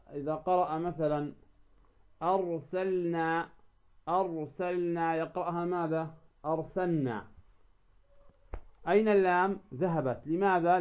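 A man teaching Quran recitation in a recorded lesson, slow and deliberate, asking questions and answering them himself, repeating example words to show how to pronounce them. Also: on the high side. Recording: dull lo-fi recording.

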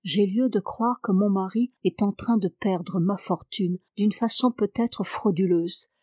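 A woman reading the lines of a distraught young woman who talks quickly. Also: medium pitch, a little mellow, dry recording, clean studio sound, natural voice.

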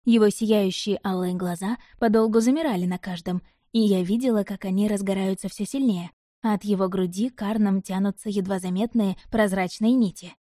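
A woman reads a first-person audiobook in an even, measured way. Her middle-range voice is mellow and warm, recorded close and dry without any echo.

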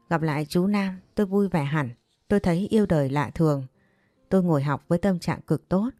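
A woman's voice: on the low side, warm tone, no room sound, clean studio sound. A woman narrating a romance story in the first person, in an intimate, confiding way.

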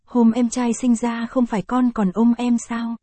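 A woman voicing a cheerful young father who speaks gently to his son. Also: a little high, little pitch movement, a little slow, dry recording. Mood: coaxing.

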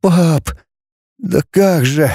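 A man's voice: a little high, very slow, mellow, husky, no echo, clean studio sound, voice pushed up, exaggerated voice. A man voicing a desperate young male graduate torn by grief, speaking in broken outbursts. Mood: anguished.

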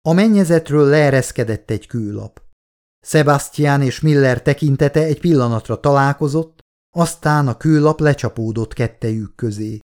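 A man reading an action novel aloud in a steady, measured storytelling voice. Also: medium pitch. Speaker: audiobook narrator. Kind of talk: scripted narration.

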